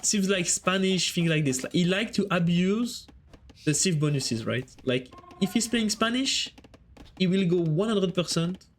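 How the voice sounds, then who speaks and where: His voice sits high, and there's slight background noise in the clip. He's a Frenchman casting a strategy game on stream, chatty and replying to viewers' messages between plays.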